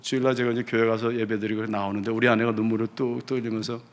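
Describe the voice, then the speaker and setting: A man's voice: on the low side, little pitch movement, very fast. A middle-aged male pastor preaching in a church. He tells a personal story in a conversational, folksy way and slips English words into his speech. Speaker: pastor and seminary professor. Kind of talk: storytelling sermon. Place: church sanctuary.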